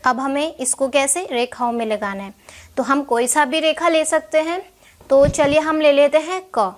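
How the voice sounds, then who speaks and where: A young woman teaching a shorthand lesson step by step, patiently asking questions and answering them herself. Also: high voice. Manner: slow, patient, checks in with "ठीक है" often.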